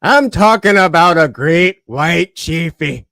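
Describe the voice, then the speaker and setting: A man doing a gruff old sea captain. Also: a little high, expressive, slow, pushed and bright, no echo, voice pushed down, full character voice. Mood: menacing. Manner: terse, broken grammar, rough.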